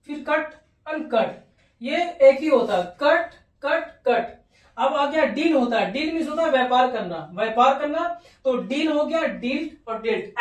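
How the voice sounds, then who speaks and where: A high-voiced woman teaches English grammar in Hindi, spelling out each word letter by letter and repeating its verb forms. She keeps asking the class rhetorical check-in questions. Her voice is distant from the mic and rings in an echoey room.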